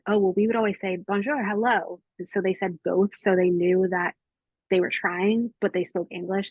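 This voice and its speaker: A woman's voice: on the low side, slightly rough, dry recording, rough recording. A woman with an American accent chatting casually and informally as a travel podcast co-host.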